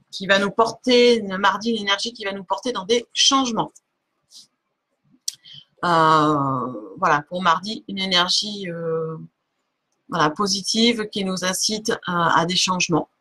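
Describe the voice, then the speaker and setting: A woman with a low-leaning, sharp voice does a live oracle card reading on a stream. She keeps it casual yet tentative, breaking off to find words, with lots of fillers and restarts and self-directed laughter.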